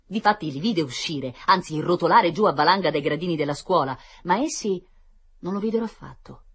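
Husky, expressive woman storyteller. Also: deep voice. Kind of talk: read-aloud children's story.

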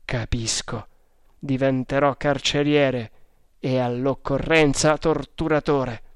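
Narrator voicing a terse young jungle hunter. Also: male voice, medium pitch, fairly even intonation, takes it slowly, smooth, no room sound, clean studio sound, natural voice. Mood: uneasy. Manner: terse, restrained. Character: guarded young male jungle hunter, brave and wary.

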